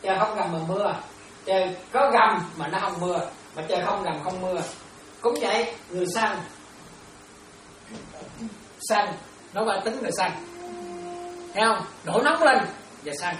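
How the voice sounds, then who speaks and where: A woman's voice: mid-range voice, normal speed, pauses often, fairly bright tone, slight background noise. A woman, a Buddhist nun, teaching lay followers in a dharma talk and often checking whether they follow. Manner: questioning listeners often, repetitive. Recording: echoey room, distant mic.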